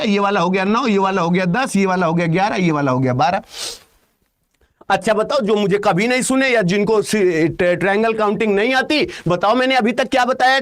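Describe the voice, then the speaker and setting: A man teaching an exam-prep reasoning lesson, talking loudly and emphatically and firing rhetorical questions at his students. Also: extremely high pitch.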